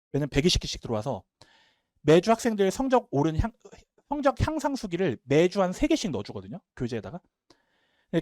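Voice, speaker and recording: Brief: male instructor, slightly high voice, very animated delivery, seminar lecture. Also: no echo, clean studio sound. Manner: emphatic, talks fast and animated. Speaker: Korean-language instructor.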